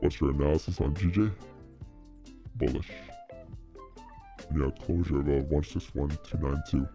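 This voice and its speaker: Man on a deep pitch-shifted voice changer. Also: fairly even intonation, moderate pace, mellow, soft background music. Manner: laid-back, slangy. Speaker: forex trading streamer. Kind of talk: casual livestream chat. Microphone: studio dynamic mic through a mixer.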